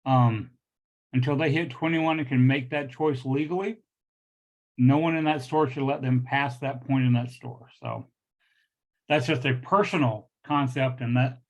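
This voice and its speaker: A man in his late fifties speaks firmly and meanderingly at a public meeting, with slightly awkward articulation from new dental implants. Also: mid-range voice. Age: late 50s. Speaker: liquor store owner addressing a public meeting. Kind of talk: earnest unscripted remarks at a public meeting. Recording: dull, muffled lo-fi meeting audio.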